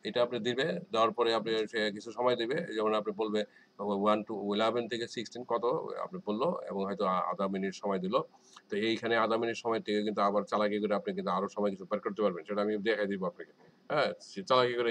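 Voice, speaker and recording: Male teacher, lowish voice, quick rambling delivery with frequent hesitations. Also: fairly bright tone, rough recording. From Bangladesh. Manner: rambling, repeats filler words, frequent hesitations. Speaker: IELTS teacher. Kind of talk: casual explanatory lesson.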